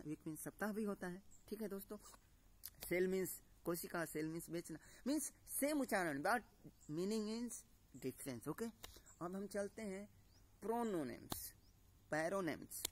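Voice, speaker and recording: A man teaching a lesson on word types, mixing Hindi and English words and often checking in with his listeners. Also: sits high. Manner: repeats "ठीक है दोस्तों", mixes Hindi and English words. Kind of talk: classroom-style lesson.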